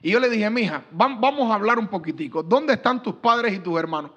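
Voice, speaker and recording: Middle-aged man, pastor, high and bright, storytelling panelist who acts out dialogue. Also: animated, a little fast, muffled recording. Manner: acts out quoted dialogue in his stories.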